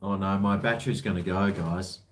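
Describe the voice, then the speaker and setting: On a livestream, a host chats casually and answers viewer comments, rambling along in laid-back, blokey slang. His voice sits low with a steady tone and a normal pace, and there's a slight hiss or hum in the background.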